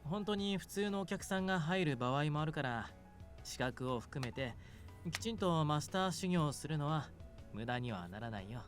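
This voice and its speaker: Game music plays behind a male actor voicing a laid-back, reassuring young man who frequents a cafe in a Japanese visual novel. The mood is casual and relaxed; he talks fast and animatedly, his fairly high voice close to an everyday one.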